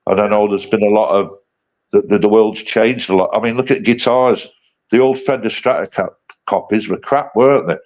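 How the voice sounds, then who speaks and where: A man's voice: on the low side, brisk, a little mellow. A man in his late fifties chatting casually on a livestream, blunt and sweary, rambling through his banter. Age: 50s. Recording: dull lo-fi stream audio.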